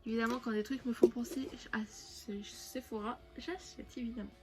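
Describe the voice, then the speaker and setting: This young adult beauty vlogger from France talks loosely about her shopping haul, backtracking and filling pauses often, with music in the background. Her voice is on the high side, a little mellow and steady, at a normal speed.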